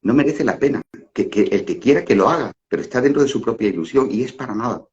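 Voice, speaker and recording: A man's voice: mid-range voice, lively intonation, fast, darkish tone. A middle-aged man giving a casual spiritual talk, rambling with fillers and restarts and frequent rhetorical questions. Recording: dull lo-fi audio.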